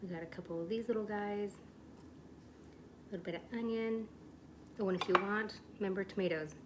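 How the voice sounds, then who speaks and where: A woman with a medium-pitched voice hosts a home cooking show, talking her viewers through each step in a chatty, enthusiastic way. She is in a home kitchen with clear noise audible behind her. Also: fairly quick. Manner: chatty, enthusiastic, addresses viewers as "you guys". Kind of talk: casual cooking demonstration.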